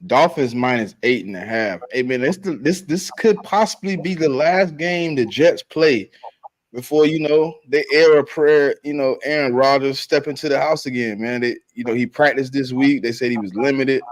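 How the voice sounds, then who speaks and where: A man's voice: medium pitch, normal speed. A man co-hosting a casual sports podcast, talking in a slangy, laid-back way. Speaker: podcast co-host.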